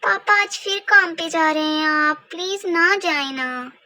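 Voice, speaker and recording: A woman's voice: very high voice, a little slow, bright, forceful tone, exaggerated voice. A woman voicing a cheerful, spoiled teenage girl in a doll-play story, chirpy and a little whiny.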